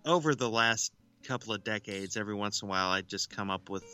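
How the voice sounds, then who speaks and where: A man's voice: on the low side, fast talker, sharp tone, clean tone. A man co-hosting a podcast, chatting casually with lots of laughter and stammered restarts. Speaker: podcast co-host.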